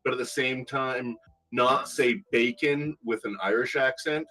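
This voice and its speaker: A man's voice: mid-range voice, measured pace, pushed and bright, slight background noise, poor audio. A man on voice chat, cracking playful jokes with friends. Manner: joking, playful. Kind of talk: casual voice-chat banter.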